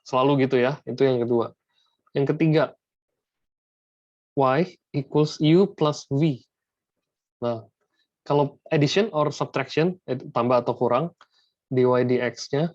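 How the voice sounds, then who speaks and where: A man's voice: medium pitch, a little slow, pauses often, a little mellow, dry recording. A man tutoring math in a casual online lesson, slangy and dropping English math terms into his talk. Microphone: video call. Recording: dull lo-fi video call audio.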